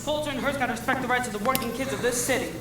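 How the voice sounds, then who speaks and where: A woman's voice: on the high side, racing, natural voice. A young woman on a school stage playing a cocky teenage newsboy leader with brash street slang. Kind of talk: school stage musical acting. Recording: echoey hall with noise.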